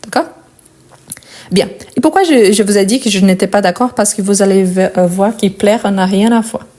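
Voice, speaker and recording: A French teacher who isn't a native speaker runs a live conjugation lesson, her warm, mid-range voice moving at a normal speed. Patiently, she repeats every verb form, dropping in fillers and asides.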